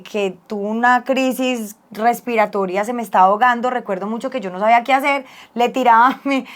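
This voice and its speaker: A woman, a psychologist co-hosting with her husband, chatting casually and telling personal family stories with affectionate asides to him. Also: a little high. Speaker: psychologist and co-host. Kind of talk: casual advice talk with spouse.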